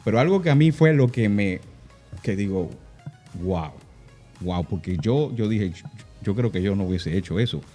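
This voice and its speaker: A man hosting a podcast interview, speaking haltingly, with repeated words and exclamations. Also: lowish voice, lively intonation, mellow, soft background music.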